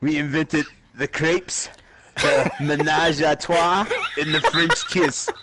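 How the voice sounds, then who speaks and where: A man's voice: fairly high pitch, steady tone, takes it slowly, very noisy. A man putting on a mock French man who boasts, with an exaggerated fake French accent and laughter.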